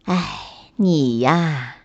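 A woman voicing a patient mother rabbit in a storybook, speaking low and soft with a gently reproachful, sighing tone. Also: sing-song, slow, breathy edge, full character voice. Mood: resigned. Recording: slightly dull lo-fi recording.

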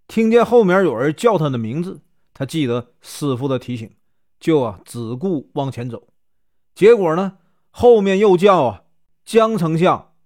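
Lively Northeastern Mandarin male storyteller. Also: medium pitch, dry recording, clean studio sound. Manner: lively, with drawn-out filler particles. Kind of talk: storytelling narration.

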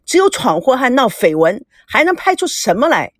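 A woman's voice: fairly high pitch, sing-song, moderate pace, dry recording, clean studio sound. A woman voicing a stern, domineering old father who scolds his daughter. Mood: scornful. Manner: scolding, gruff.

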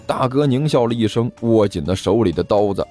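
A man narrating a serialized story in a lively, dramatic storytelling way. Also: medium pitch, brisk, soft background music.

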